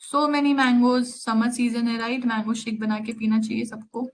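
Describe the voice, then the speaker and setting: A woman's voice: on the high side, level tone, low-quality recording. A woman with an Indian accent teaching English grammar in a live online class, explaining in a teasing way. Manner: explains in Hindi mixed with English, slow and teasing.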